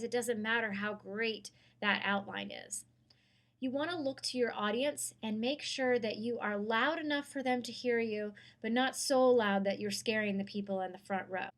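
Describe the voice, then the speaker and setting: Woman giving a clear lecture. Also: on the high side. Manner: clear, measured, explanatory. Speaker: public speaking instructor. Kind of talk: recorded course lecture.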